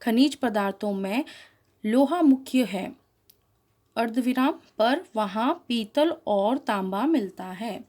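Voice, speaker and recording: A woman teaches a school grammar class in a voice that is mellow and warm rather than bright, sitting on the high side and expressive. She explains step by step, clearly and deliberately, pausing on each example and correcting her own small slips.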